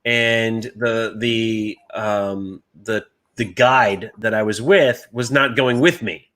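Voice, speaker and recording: A man in his thirties from the US tells stories in a casual chat. He talks animatedly and jumps high in pitch when he acts out what other people said. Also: slow, a bit bright.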